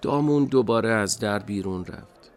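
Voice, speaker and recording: A man narrating a children's radio storybook slowly and expressively. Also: lowish voice.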